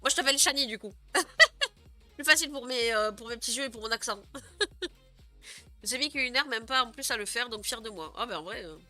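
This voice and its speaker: A young woman chats casually with her live stream audience, giggling easily and stumbling through lots of fillers. Her slightly high voice is bright, forward, and animated, moving at a moderate pace with frequent pauses, while faint music plays quietly underneath.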